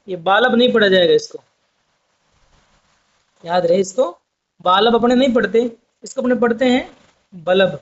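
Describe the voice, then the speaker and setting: High-voiced man teaching a patient lesson. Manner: patient, repetitive explaining, addresses viewers as friends. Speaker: Urdu teacher. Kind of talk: online language lesson. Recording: dull lo-fi sound.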